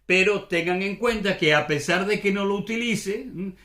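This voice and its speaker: A man from Venezuela with a Venezuelan Caribbean accent, hosting a Spanish-language show in a relaxed monologue, rambling and thinking aloud with many hesitations. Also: sits high, normal speed, roomy sound. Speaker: Spanish language podcast host.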